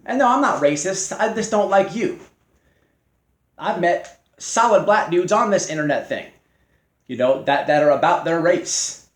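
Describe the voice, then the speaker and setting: This channel host's high, expressive voice carries a reverberant sound as he mocks and confronts a rival. He stumbles along haltingly, restarting often and filling gaps with fillers.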